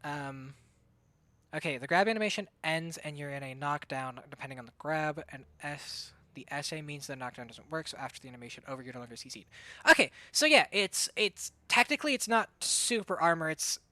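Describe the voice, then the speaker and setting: A woman streamer giving excitable live play-by-play commentary on a game match, talking through a sore throat. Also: low voice, dry recording. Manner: excitable, hyped play-by-play with quick reactions.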